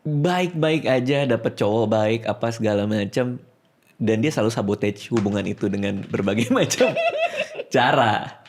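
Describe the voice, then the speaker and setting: A man's voice: on the low side, normal speed, a little hiss or hum. A man hosting a casual podcast interview, asking curious questions and prompting with short replies. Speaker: podcast host.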